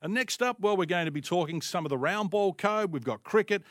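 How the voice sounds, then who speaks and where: A man's voice: sits high, a little fast, fairly bright tone, no room sound. Australian man hosting sports radio, dry studio sound. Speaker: radio sports show host. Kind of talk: sports radio presenting with sponsor reads.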